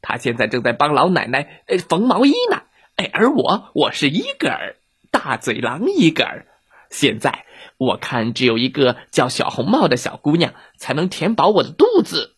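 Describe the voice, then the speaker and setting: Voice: mid-range voice, sing-song, normal speed. A narrator doing a blustering big bad wolf. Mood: boastful. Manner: gruff, bragging, easily flustered. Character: blustering boastful male wolf.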